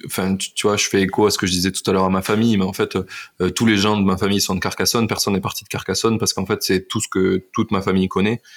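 Very deep-voiced male host. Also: little pitch movement, fast talker. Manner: rambling, many fillers and restarts. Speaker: podcast host. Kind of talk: casual interview chat.

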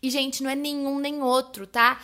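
A Brazilian woman with a Brazilian Portuguese accent talks through a podcast lesson in a chatty, friendly register, her voice sitting a little high. She keeps checking in with her listeners and slows right down whenever she models an example word. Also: level tone, bright, forceful tone. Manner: chatty, addresses listeners as "gente", frequent "né?" and "tá bom?"; models English words slowly and carefully. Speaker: English teacher and podcast host. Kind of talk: casual explanatory lesson.

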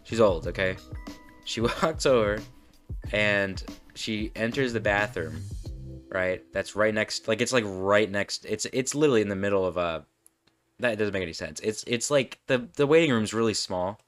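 Young guy rambling on his podcast, lowish voice, keeps cutting himself off and laughing, soft music behind. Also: moderate pace. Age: young adult. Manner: rambling, self-interrupting, laughs often. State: burping, hiccups. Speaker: podcast host. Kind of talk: casual rambling monologue.

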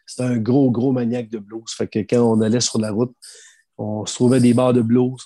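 With a husky, medium-pitched voice and an even tempo, this middle-aged man from Quebec keeps the chat casual, sharing stories full of slang and enthusiasm as a storytelling guest. No echo colors the sound.

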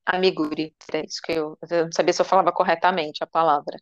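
A woman's voice: low-pitched, little pitch movement, fast talker, no echo. A woman podcast guest with a Brazilian Portuguese accent, chatting in an upbeat, emphatic, teasing way. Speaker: podcast guest, financial consultant. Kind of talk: casual chat. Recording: dull lo-fi sound.

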